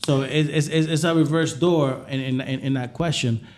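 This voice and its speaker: At a moderate pace and with fairly even intonation, a Puerto Rican guest chef tells personal stories on a podcast in a slightly mellow, mid-range voice. His talk is casual and informal, with phrases often repeated.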